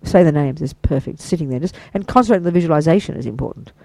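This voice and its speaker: An older Buddhist teacher talking informally to a small group, gushing with enthusiasm and throwing in asides and praise. The voice sits at a middling pitch and sounds dry and close, with no room echo. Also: lively intonation, rapid-fire, creaky. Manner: chatty and enthusiastic, full of warm praise and asides.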